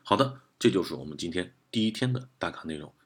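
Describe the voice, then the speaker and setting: Guy explaining german words step by step, deep voice, kinda husky. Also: lively intonation, fast. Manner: methodical, repeats and rephrases points. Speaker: German teacher. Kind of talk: explanatory lesson.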